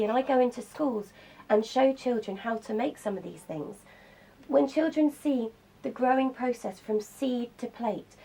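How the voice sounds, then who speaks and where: A woman's voice: high-pitched, gravelly, warm tone, slightly rough. A woman, a cookbook author, talking enthusiastically about healthy desserts as a guest in a radio studio interview. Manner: enthusiastic, explanatory.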